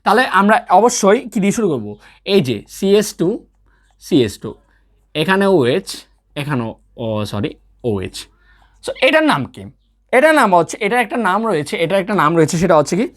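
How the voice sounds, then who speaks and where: A young man tutoring chemistry in a recorded online lecture, his pitch rising and falling with a lively swing. He keeps checking in with his students and answering his own questions. He slips English terms into his talk. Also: fairly quick, pauses often.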